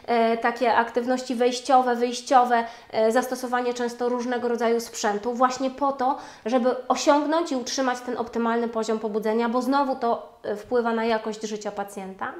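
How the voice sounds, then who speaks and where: A woman giving a webinar lecture on speech therapy, formal and measured, with frequent hesitation sounds. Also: on the high side. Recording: roomy echo.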